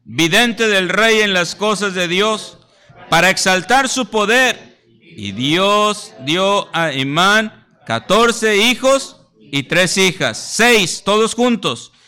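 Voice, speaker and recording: A man's voice: sits high, expressive, slow, sharp tone, smooth. A man preaching a sermon, emphatic, often calling listeners "brother" and acting out little scenes. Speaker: pastor.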